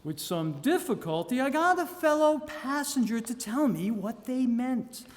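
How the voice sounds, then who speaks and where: A man with a very high, expressive voice reads a gothic novel journal aloud before a live audience, pausing dramatically in a theatrical, measured style. The reverberant room leaves a long echo on every line.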